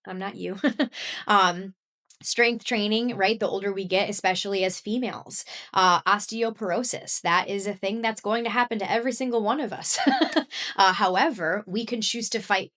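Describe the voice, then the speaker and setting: A woman's voice: mid-range voice, fairly even intonation, normal speed, bright, forceful tone. A woman in her thirties hosting a solo podcast, talking casually and upbeat, with many fillers and frequent laughs. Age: 30s. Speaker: podcast host and health coach.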